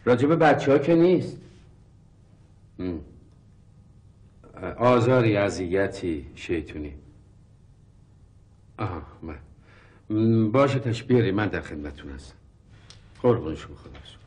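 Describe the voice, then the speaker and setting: In a TV sitcom, an actor plays an irritable, skeptical middle-aged professor and father who is exasperated and dismissive. His voice is fairly low and a little mellow, with big pitch swings and long pauses.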